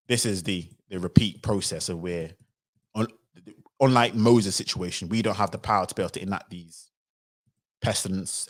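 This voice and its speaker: A man giving animated livestream commentary, sometimes acting out other people's voices. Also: sits low. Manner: animated, acts out quoted voices.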